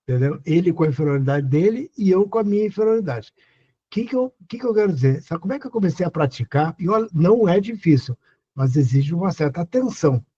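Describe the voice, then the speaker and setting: A man's voice: fairly high pitch, lively intonation, quick pace, warm tone, husky, muffled recording. An older man, hosting a live stream and giving earnest, casual advice, often asking the listener questions. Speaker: host.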